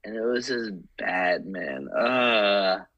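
A man chatting casually as a podcast guest, animated and rambling, full of squeamish exclamations. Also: lowish voice, slow, dull audio. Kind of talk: casual chat.

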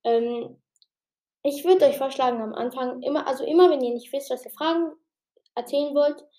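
Woman host, slightly high voice, casual rambling explainer, lots of fillers. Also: fairly even intonation, dark tone. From outside Germany. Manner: chatty and rambling, with many fillers and restarts; says she talked a bit fast. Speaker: podcast host giving tips.

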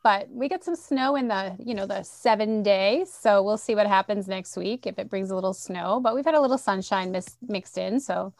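A woman's voice: mid-range voice, moderate pace, gravelly, few pauses, a little mellow, dry recording. Woman, middle-aged, from Massachusetts, podcast guest, chatty, friendly, dry sound. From Central Massachusetts. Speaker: guest, education coordinator. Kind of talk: casual podcast interview.

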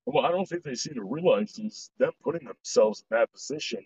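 A man's voice: medium pitch, animated, brisk, a little mellow, breathy edge, no echo. A man hosting a podcast, talking bluntly and heatedly with heavy swearing over a dull, lo-fi voice call. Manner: heated, swears heavily, ranting. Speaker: podcast host. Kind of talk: blunt, profane casual chat. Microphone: voice chat mic.

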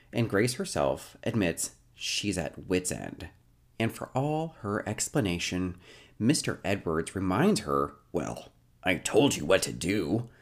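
A man casually recapping a TV episode, dropping wry asides and jokes. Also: fairly low pitch.

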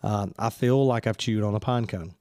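On the low side and a little mellow, this church podcast host is recorded dry in studio quality. His nose sounds blocked, and he talks in a friendly, casual way, broken up by plenty of fillers.

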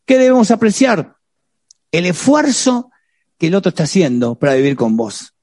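A man's voice: high voice, big pitch swings, normal speed, darkish tone, dry recording, clean studio sound. A man with an Argentine accent preaching on marriage, addressing his listeners directly with jokes and frequent rhetorical "¿eh?" tag questions. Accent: Argentine Spanish. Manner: exhorting, peppered with rhetorical "¿eh?"; joking, direct address to the audience. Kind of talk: sermon.

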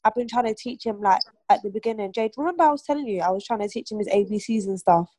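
A woman's voice: medium pitch, expressive, quick pace, mellow, no echo. Young woman, casual group chat, rambling and filler-heavy, close dry sound. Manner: chatty, many fillers and restarts. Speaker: aunt and mother of a toddler.

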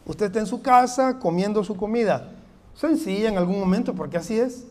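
A man's voice: high-pitched, a little fast. A man in his forties with a Salvadoran accent, preaching a sermon with humor and many rhetorical questions. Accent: Salvadoran Spanish. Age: 40s. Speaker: pastor.

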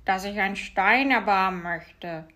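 A coaxing male frog from a storybook. The voice is pitched well above an ordinary speaking voice and the words are stretched out slowly. The tone keeps pleading and bargaining. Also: sharp tone, full character voice.

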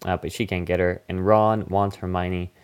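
Smooth-voiced goofy podcast guy. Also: sits low, little pitch movement, normal speed. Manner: goofy, rambling recap. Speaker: podcast host. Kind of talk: casual movie review chat.

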